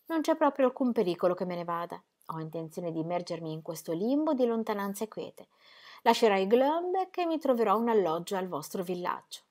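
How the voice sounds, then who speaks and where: A woman's voice: mid-range voice, big pitch swings, brisk, darkish tone, lightly acted. A woman reading the part of a weary, charming man, a painter, in a languid, playful, theatrical manner. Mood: flirtatious.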